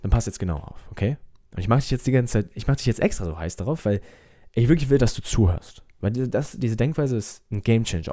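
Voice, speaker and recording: A man's voice: mid-range voice, warm tone, no echo, clean studio sound. A man speaking as a self-help coach with an American-tinged accent in his German, giving an emphatic, repetitive motivational talk straight to the listener. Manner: emphatic, repeats himself, direct address.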